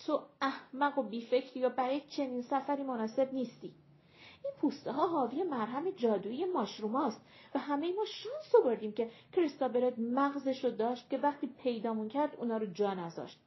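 A woman voicing a stern, sharp-tongued woman healer who scolds in a hard, cold way. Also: fairly high pitch, animated, highs cut off, natural voice.

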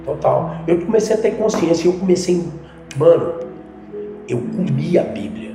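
A guest musician from Minas Gerais, Brazil, tells his life story on a podcast in casual, slangy speech that builds to fervent emphasis. His voice is a little high, animated and dark-toned with vocal fry, at normal speed. The studio is very echoey, with background music.

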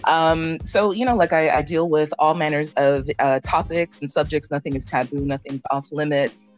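A woman's voice: sits low, steady tone, normal speed, faint music behind. A middle-aged woman from Jamaica, a podcast guest, speaking earnestly and laughing readily in casual conversation. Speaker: podcast guest, sex and relationship content creator.

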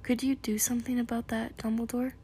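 Woman whispering as a stern, brisk older witch. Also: a little high, flat delivery, a little hiss or hum, natural voice. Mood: hushed. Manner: brisk, hushed. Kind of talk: whispered role-play.

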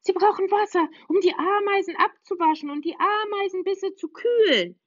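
A woman voicing excitable young forest animal heroes in a high, eager voice. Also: moderate pace, no echo, dull audio. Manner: squeaky, eager, urgent.

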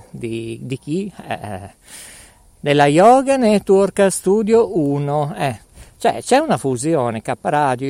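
A middle-aged man hosts a live radio show from his phone as he walks through town, a little winded. His pitch jumps around a great deal, and his slightly high voice moves at an unhurried, drawn-out pace. He rambles, cracks jokes, and keeps tossing in a questioning "eh?". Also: darkish tone. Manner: rambling, jokey, tags lines with "eh?". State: out of breath. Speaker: web radio host. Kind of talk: live mobile radio broadcast. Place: outdoors on city streets while walking.

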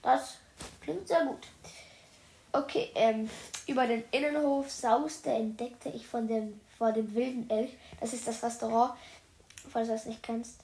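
A streamer reads a children's story aloud casually, often stopping for playful, slangy asides to her viewers, whom she calls "Leute." Her slightly high voice has a gravelly edge and a mellow quality, with a steady tone and measured pace. The room gives a noticeable echo.

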